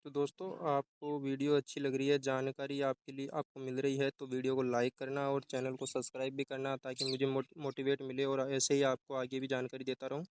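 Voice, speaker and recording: A man's voice: mid-range voice, completely flat delivery, a little fast, few pauses, darkish tone, clean tone, no room sound. A young man, a YouTuber for exam aspirants, explaining a job notification in an informal way, often restarting his words.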